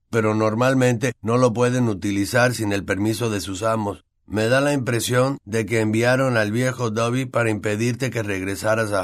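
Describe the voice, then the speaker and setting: A man with a Latin American Spanish accent voicing a scheming teenage wizard who explains things in a measured way. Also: mid-range voice, dry recording, clean studio sound, lightly acted.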